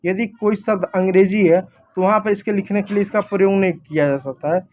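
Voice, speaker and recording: A man's voice: high-pitched, steady tone, fairly quick, darkish tone. A man teaching a simple lesson in a casual classroom manner, explaining step by step and checking in with "thik hai" often.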